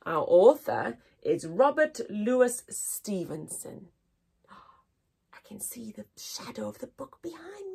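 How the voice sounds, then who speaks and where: A story-time teacher reads aloud to young children in a fairly high, breathy voice. She's expressive and sing-song, full of exaggerated wonder.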